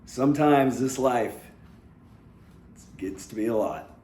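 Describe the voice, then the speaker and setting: This seated workout is led by a young man with a warm, mid-range voice who takes things slowly. He speaks casually and candidly, with plenty of "you know," in a roomy space with faint background noise.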